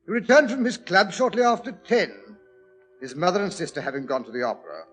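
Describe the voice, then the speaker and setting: An actor playing a genial, chatty English doctor telling old detective adventures in 1940s radio drama style. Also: male voice, high-pitched, brisk, soft background music. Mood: storytelling. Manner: chatty, old-fashioned gentlemanly, expressive.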